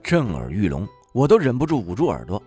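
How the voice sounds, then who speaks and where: A man narrating a novel in the first person, wry and expressive. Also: on the low side, fairly quick, slightly rough, soft background music. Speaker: audiobook narrator.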